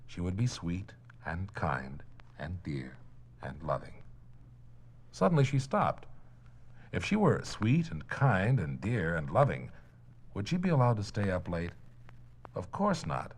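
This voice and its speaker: A man narrating a children's story in a gentle, playful storytelling manner on an old mono record. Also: low voice, very animated, unhurried, long pauses.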